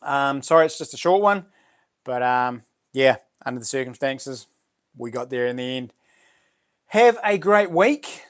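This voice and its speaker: A man's voice: medium pitch, steady tone, moderate pace, clean tone. A middle-aged man with a broad New Zealand accent, chatting casually to livestream viewers in a laid-back, slangy, matey way. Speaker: livestream host.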